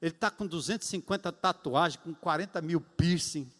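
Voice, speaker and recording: A high-pitched male preacher with a Brazilian Portuguese accent delivers a sermon with emphatic, dramatic swings. His voice rings through a church hall, trailing a long reverb. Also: fairly quick, fairly bright tone. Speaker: pastor. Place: church sanctuary.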